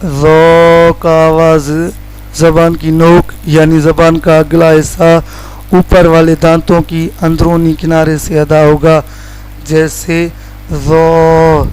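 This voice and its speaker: Male qaida teacher from Pakistan, monotone and slightly high, drawls out letter sounds, faint music behind. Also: clear, resonant tone, poor audio. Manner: drawls out each letter slowly as a model; plain explaining teacher tone. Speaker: Quran recitation teacher. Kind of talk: letter-by-letter pronunciation lesson.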